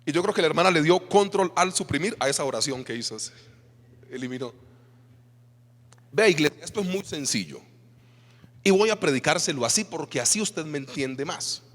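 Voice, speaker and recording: Male pastor, Colombian Spanish accent, higher voice, sermon in a long-reverb church hall. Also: moderate pace, pauses often. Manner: animated preaching with rhetorical questions to the congregation.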